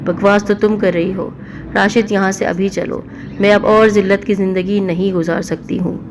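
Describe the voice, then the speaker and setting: A woman's voice: mid-range voice, fairly even intonation, background noise, lightly acted. An abusive, foul-tempered young wife from an audio storybook, read out by a woman in her own voice. She scolds and accuses. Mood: contemptuous.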